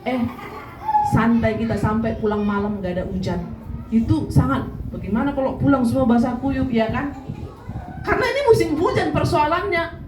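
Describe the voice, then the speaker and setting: A woman preacher with a high voice delivers a conversational Christmas Eve sermon, often calling out to her congregation. She is heard from some distance through the reverberant space of a church hall. Steady background noise sits under the recording. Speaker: pastor. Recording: echoey church hall, distant mic, noisy.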